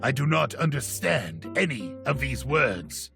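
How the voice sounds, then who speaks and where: A stiff, literal-minded robot from a video game speaks in a robotic, gravel-edged voice. It talks at a slow, halting pace with a lot of movement in the pitch. Guitar music plays behind it. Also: male voice, very animated. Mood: puzzled. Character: slow, formal robot puzzled by humans.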